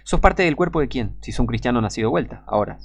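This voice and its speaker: A man's voice: medium pitch, expressive, fast, gravelly. A man with a Rioplatense Spanish accent preaching a Bible study, emphatic, repeating warnings and asking rhetorical questions. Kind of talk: Bible teaching sermon.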